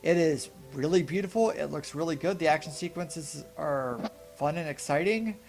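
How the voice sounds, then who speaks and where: Young male podcast co-host, higher pitch, rambling chatty film review, faint music under. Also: moderate pace, creaky. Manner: rambling, self-correcting, animated asides. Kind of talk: casual film review chat.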